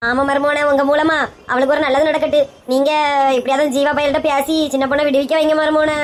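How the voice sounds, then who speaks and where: A woman's voice: sits high, little pitch movement, fast, pitched below the performer's own voice, natural voice. A woman voicing a bossy, scheming middle-aged mother-in-law with a Kanyakumari accent, scolding in a noisy recording. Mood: pleading. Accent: Kanyakumari Tamil.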